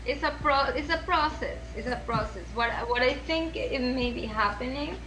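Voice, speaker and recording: A Venezuelan woman with a high voice speaks at normal speed over background noise, a podcast guest in a conversational interview. With her Venezuelan Spanish accent, she talks earnestly, repeating and restarting phrases as she searches for words.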